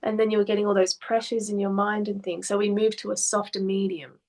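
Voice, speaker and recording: A woman art therapist with a mid-pitched voice, talking gently through a client's artwork. She asks careful questions and explains what the marks might mean in a calm, conversational way. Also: fairly quick, poor audio.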